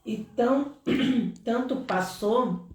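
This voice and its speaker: Brazilian woman host who gives affirming replies; mid-pitched voice, heard at a distance in a boomy room. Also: very slow. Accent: Brazilian Portuguese. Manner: warm affirming backchannels. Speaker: live stream host. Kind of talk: interview, live stream. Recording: very echoey, distant mic.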